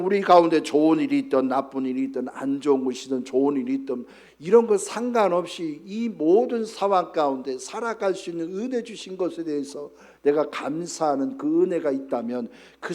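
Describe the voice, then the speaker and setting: A man's voice: a little high, mellow. A male pastor delivering an emphatic sermon in church, often calling out to the congregation.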